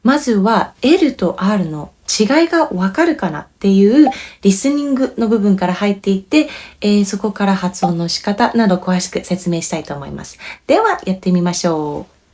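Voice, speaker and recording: A woman with a Japanese accent giving a bilingual pronunciation lesson, explaining clearly and patiently and demonstrating words. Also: medium pitch, lively intonation, normal speed, a little mellow. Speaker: language teacher.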